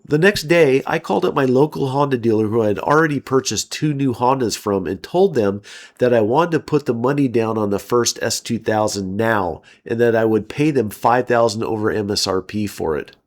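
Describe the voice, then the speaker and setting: A man's voice: medium pitch, lively intonation, normal speed. A middle-aged American man giving a scripted, enthusiastic and opinionated narration as a car channel host. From United States.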